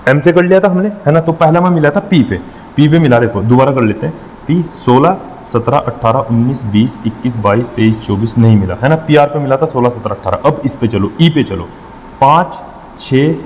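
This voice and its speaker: Male tutor, mid-pitched, steady classroom explaining, long echoey reverb, faint hiss. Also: moderate pace. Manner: explains step by step, counting aloud with frequent checks. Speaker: maths and reasoning teacher. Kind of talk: exam-prep lesson.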